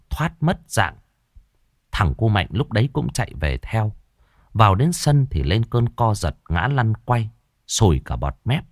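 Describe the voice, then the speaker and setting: Low-voiced man telling a horror tale. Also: dry recording, clean studio sound. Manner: dramatic, expressive. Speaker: storyteller. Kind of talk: horror story narration.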